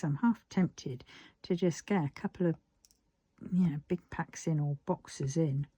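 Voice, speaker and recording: A British woman chatting casually while crafting, musing half to herself in a husky, breathy voice. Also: on the low side, dark tone, no echo.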